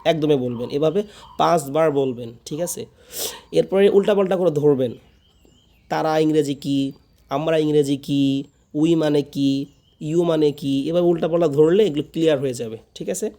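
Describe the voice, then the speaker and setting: A man leads a beginner pronunciation lesson. His voice sits a little high but sounds mellow and relaxed. He repeats words patiently and throws quick questions at his listeners. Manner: drills words by repetition, asks the viewer questions. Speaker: spoken English teacher.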